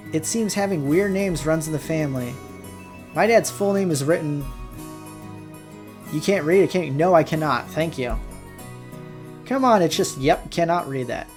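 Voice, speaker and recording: An amateur visual novel player reads the game's narration aloud, pausing for casual reactions while music plays behind him. His voice is fairly high-pitched with a darkish tone.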